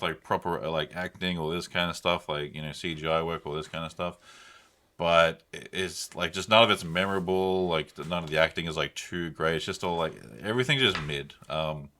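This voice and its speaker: This young man's voice sits low with a sharp edge. As a podcast co-host, he rambles through off-the-cuff, slang-heavy reviews of films and games.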